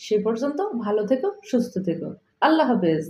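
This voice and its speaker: A woman with a Bangladeshi accent, a native Bengali speaker, teaching English pronunciation, spelling words letter by letter and repeating example sentences slowly. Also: fairly high pitch, big pitch swings, warm tone, roomy sound. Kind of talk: pronunciation lesson.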